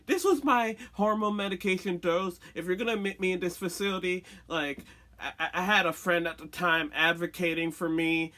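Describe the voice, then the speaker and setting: A woman with a lowish voice and a sharp tone tells a personal story in a blunt, sweary, conversational storytime style, a candid casual rant. She has a lisp, as if wearing a retainer.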